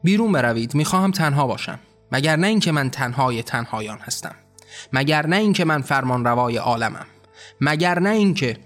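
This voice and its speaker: A man voicing a wrathful, tyrannical male god who shouts threats at his subjects. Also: medium pitch, animated, faint music behind, close to an everyday voice. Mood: bitter.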